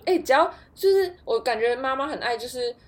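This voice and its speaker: A woman chatting casually, animated and quick to laugh, with dramatic reactions. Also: sits high. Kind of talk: casual chat.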